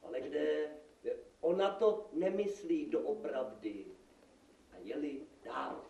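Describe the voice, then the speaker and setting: A man's voice: on the high side, sing-song, vocal fry, dark tone, highs cut off. A man playing a jovial male devil who lectures people at a live puppet theater show, chuckling and playful. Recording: echoey room, from far off.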